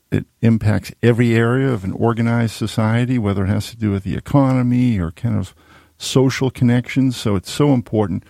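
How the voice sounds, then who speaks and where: Older male radio host, very gravelly, dark mellow voice, dry studio sound, rambling questions. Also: medium pitch, dry recording. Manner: long rambling questions with many restarts. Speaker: radio talk show host. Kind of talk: radio interview. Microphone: studio microphone.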